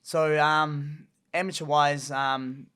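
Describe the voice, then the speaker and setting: A young man with a New Zealand accent, a guest on a casual interview, chatty and quick to laugh as he tells stories. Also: a little high, level tone, pushed and bright, clear, resonant tone. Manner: chatty, laughs often while telling stories. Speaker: guest boxer.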